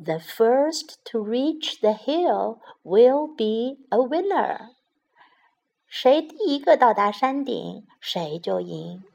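A woman's voice: on the high side, expressive, takes it slowly, creaky, warm tone, exaggerated voice. A woman voicing a friendly giraffe in a children's story, speaking in English and then in Chinese. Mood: explaining. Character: kind tall giraffe cheering the race.

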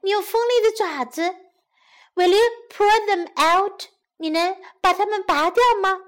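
Brief: a woman doing a clever, wary storybook girl, high and slow, lines read for children. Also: a bit bright.

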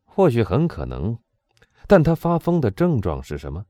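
A man playing a cool, measured Englishman. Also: mid-range voice, huge pitch swings, dark tone, no echo, clean studio sound, voice pushed up. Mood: probing. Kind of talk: audiobook dialogue reading.

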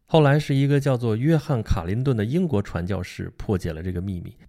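This man, whose first language is Mandarin Chinese, explains a book in a casual talk, chatting with the listener and asking plenty of rhetorical questions. His lowish voice is mellow and fairly quick.

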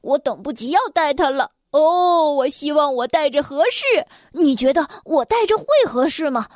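A woman reading a children's story, voicing an excitable chatterbox man who rambles on without pause. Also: high voice, no room sound, clean studio sound. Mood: excited.

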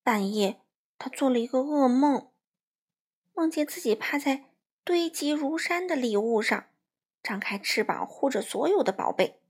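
A woman reading a picture book aloud to small children, slow and gentle. Her voice sits a little high and has a soft, breathy edge. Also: expressive. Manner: gentle, unhurried storytelling.

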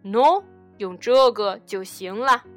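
A woman voicing a kindly male hedgehog who feels the cold, speaking low and drawn-out in a children's storybook. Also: fairly bright tone, faint music behind. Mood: helpful. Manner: slow, lowered, drawn-out delivery. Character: chilly sniffling male hedgehog neighbor, kindly.

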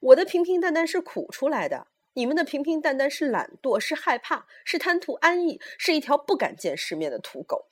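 A woman voicing a fierce, sharp-tongued woman near seventy who scolds loudly and shouts at the young people around her. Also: medium pitch, expressive, moderate pace, breathy edge. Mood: scolding.

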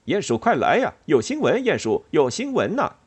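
A breathless little field mouse, put on by a man, who squeaks and rushes out his words. His voice swings high and lively, and it sounds husky. An audiobook storybook character. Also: full character voice. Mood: excited. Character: excitable young male field mouse, breathless.

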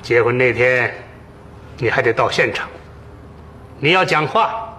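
An actor playing a cool official captor in a period TV drama, measured and politely threatening. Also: male voice, medium pitch, expressive, bright, forceful tone, a little hiss or hum. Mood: quiet threat.

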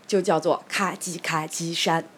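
A woman retelling and discussing a folktale in casual chat, lively and animated. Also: fairly low pitch, unhurried, over music.

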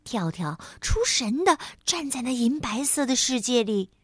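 Expressive woman telling a children's story. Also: a little high, husky, no room sound. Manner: slow, expressive, warm storyteller tone.

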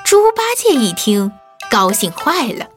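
A woman narrating a children's story in a lively, expressive way. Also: fairly high pitch, a little slow. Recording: faint music behind.

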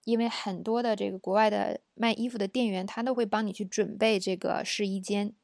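A woman's voice: mid-range voice, fairly even intonation, a little fast, gravelly, darkish tone, dry recording, studio quality. A woman teaching phrases in a patient, chatty way, with many fillers and asides to the learner when she says the examples. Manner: patient, conversational, with many fillers and tag questions. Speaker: English teacher. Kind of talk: explaining English phrases for shopping.

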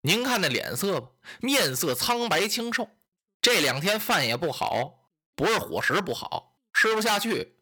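A man narrating a traditional storytelling tale in a lively, exclamatory manner, with a husky voice. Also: high-pitched, unhurried.

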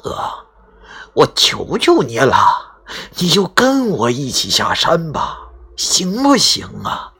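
A man's voice: a little high, huge pitch swings, slow pace, pushed and bright, slightly rough, voice pushed up, full character voice. A man voicing a sly young village man who fawns and pleads, in a wheedling, overly familiar tone. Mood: pleading.

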